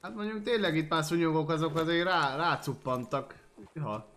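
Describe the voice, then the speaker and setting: A man's voice: fairly high pitch, a bit bright. A man streaming a game and commenting casually, joking, swearing and chatting to his horse and viewers.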